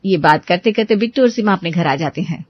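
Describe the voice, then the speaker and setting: A woman narrating a cartoon story in a calm, even, scripted way. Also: on the low side, quick pace, no echo, muffled recording.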